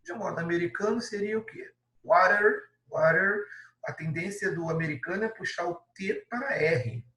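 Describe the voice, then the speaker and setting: Male Brazilian teacher, slightly high voice, patient step-by-step delivery, roomy echo. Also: animated, brisk, a bit bright, recorded from a distance. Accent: Brazilian Portuguese. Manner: patient, explains step by step, adds many tag questions. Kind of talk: classroom lesson correction.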